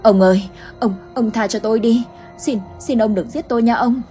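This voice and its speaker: A woman's voice: medium pitch, animated, normal speed, soft background music, lightly acted. A woman voicing a cruel, scheming older village woman who wails and gloats in a storybook tale. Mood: terrified begging. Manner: wailing then coldly gloating.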